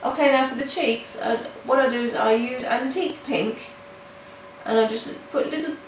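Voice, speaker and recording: A woman with a somewhat high voice, nasal from hay fever, hosts an art tutorial from her countryside home, narrating a coloring process step by step. She speaks casually and haltingly, with restarts and fillers, recorded in a roomy space with a distant mic and faint noise.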